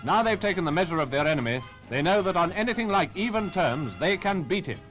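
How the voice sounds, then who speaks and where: A man narrates a 1940s newsreel in British Received Pronunciation, his voice pitched fairly high. His delivery is formal, rousing and patriotic, with music playing behind him on the period recording. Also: lively intonation, fast talker.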